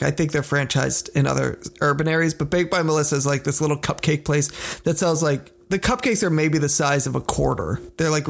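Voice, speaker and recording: A man's voice: on the high side, vocal fry. A man hosting a podcast, telling stories in casual comedic chat and acting out the lines he quotes. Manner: animated storyteller, acts out quoted lines loudly. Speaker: podcast host.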